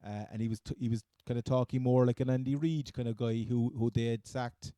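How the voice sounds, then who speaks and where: A man with a Cork accent in casual sports discussion as a co-host, speaking haltingly with hesitant phrasing. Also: medium pitch, steady tone, warm tone, no room sound. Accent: Cork, Irish.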